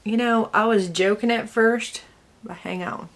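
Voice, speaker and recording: In a get-ready-with-me makeup video, a young beauty vlogger chats with snark and mutters to herself in a fairly high, fairly even voice at a measured pace. She has a slight Southern US accent and comes from Connecticut and the US South.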